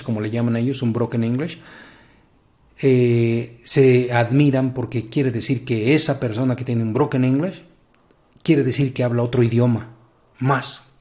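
A man's voice: medium pitch, mellow. Chatty Mexican man teaching English. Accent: Mexican Spanish. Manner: chatty, encouraging, rambling with many fillers. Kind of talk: casual video lesson.

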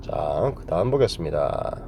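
Playful, lively-voiced male English teacher. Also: low-pitched, unhurried, creaky, a little hiss or hum. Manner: playful, joking mnemonics, quizzing the class. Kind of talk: classroom grammar lecture.

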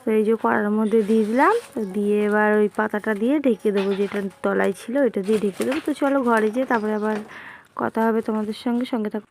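A woman narrates a home cooking vlog in a soft, hoarse voice, tired and unwell. Her voice sits a little high. Faint background noise runs under her talk. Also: steady tone. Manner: soft, tired, talking slowly. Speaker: cooking vlogger. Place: home kitchen.

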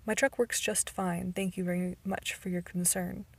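Irritated teen girl, sarcastic, breathy, narrow pitch, read by a woman. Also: level tone, moderate pace.

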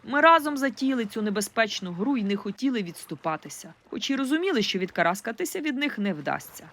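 A woman reading a first-person audiobook in an expressive, lively storytelling manner. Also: a little high, fast talker. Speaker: audiobook reader.

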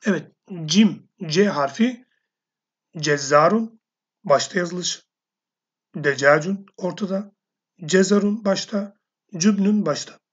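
A woman teaching a language lesson. She reads each word slowly, then repeats it or gives its meaning. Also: lowish voice, breathy edge. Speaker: Arabic teacher. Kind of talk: recorded language lesson reading vocabulary. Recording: dull lo-fi sound.

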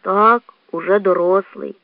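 A timid young raccoon, played by a woman speaks in a low, hushed, slow voice. He is gentle and kind. The storybook recording is dry and thin like a phone line. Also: fairly even intonation, gravelly, no room sound.

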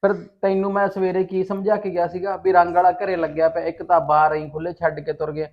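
A man's voice: sits high, flat delivery, fast, natural voice. A man as a lecturing village husband. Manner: lecturing, scornful tone. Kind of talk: amateur short-film acting. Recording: dull lo-fi sound.

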